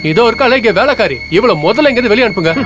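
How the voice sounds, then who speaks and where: A man's voice: very high voice, lively intonation, racing. An actor playing a scheming, greedy young man after a fortune, talking in a sneering, menacing way in a film scene. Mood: defensive. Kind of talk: Tamil film dialogue. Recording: film soundtrack with music. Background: film score.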